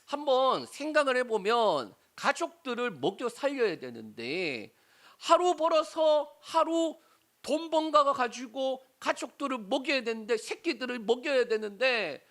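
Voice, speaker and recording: A middle-aged male pastor preaching a sermon, animated and often prompting the congregation with rhetorical questions. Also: very high voice, moderate pace, hardly any pauses.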